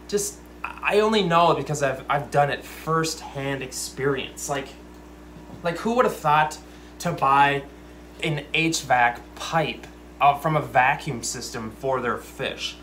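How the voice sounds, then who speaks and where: A man's voice: mid-range voice, a bit bright, slight background noise. A young man hosting an aquarium channel, chatting casually and rambling into ranty, self-aware asides while reading viewer comments. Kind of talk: casual livestream chat. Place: fish room with lit aquariums, indoors. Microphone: desk camera at close range.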